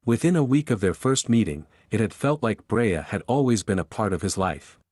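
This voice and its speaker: A male audiobook narrator with a lowish voice, telling the story at an even, steady pace. The recording is dry and close, with no room sound at all. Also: moderate pace, no room sound. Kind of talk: scripted narration.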